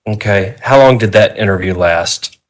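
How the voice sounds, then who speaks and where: A man's voice: fairly low pitch, moderate pace. A man questioning a witness in court as a defense attorney, in a conversational, informal way. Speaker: defense attorney cross-examining.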